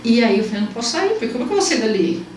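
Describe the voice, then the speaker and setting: A woman host telling an emotional personal story in conversation, animated and repetitive, her pitch jumping as she gets moved. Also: rapid-fire, crowd noise. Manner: animated, repeats herself, pitch jumps when moved. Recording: echoey room, mic at a distance, faint background hum.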